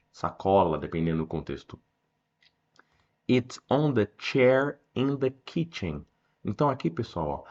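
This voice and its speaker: A man with a Brazilian accent teaching English, explaining a text line by line and reading the English sentences slowly. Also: lowish voice, lo-fi sound. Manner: slows down to read English sentences aloud.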